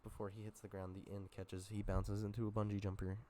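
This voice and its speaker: Deep-voiced man reading a script aloud. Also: level tone, fairly quick, warm tone, a little hiss or hum. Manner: plain reading with asides and stumbles. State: sore throat. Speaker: YouTuber reading a film script. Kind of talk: casual script read-through.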